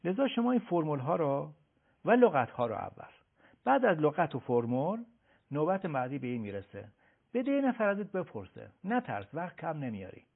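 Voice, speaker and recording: A gravelly-voiced man gives study advice on a radio program. His delivery is emphatic and lively in pitch, as he addresses listeners directly, and the sound is narrow and phone-like. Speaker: education advisor.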